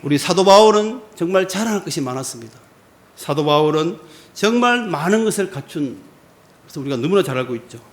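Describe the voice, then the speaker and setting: A man's voice: fairly high pitch, lively intonation, a little fast. A man, a pastor, preaching a Friday prayer service sermon in a church and acting out the quoted lines of God and Moses. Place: church sanctuary.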